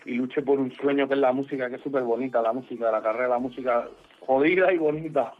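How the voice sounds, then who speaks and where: A man's voice: mid-range voice, quick pace. A man from Mallorca who is a musician, answering interview questions in an earnest, repetitive way with some swearing. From Mallorca, Spain. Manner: earnest, repeats himself, mild swearing. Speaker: musician guest. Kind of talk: casual interview. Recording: tinny phone-like line.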